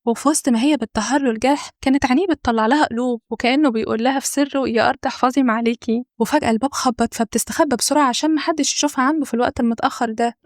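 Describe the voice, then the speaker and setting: A woman's voice: high-pitched, rapid-fire, few pauses, no room sound, clean studio sound. A young woman with an Egyptian accent narrating a drama recap, joking and slangy, with asides to the listener. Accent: Egyptian Arabic.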